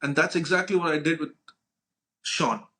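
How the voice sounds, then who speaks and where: On a podcast, a young adult male co-host with a highish, pushed and bright voice tells casual stories at a moderate pace. He swears, uses slang, acts out what people said, and often tags his lines with "right?"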